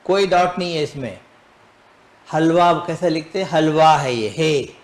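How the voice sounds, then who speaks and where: A man hosting a lesson, patiently drilling the letters of the alphabet by saying them slowly and having them repeated back. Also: a little high. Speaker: Urdu teacher and show host.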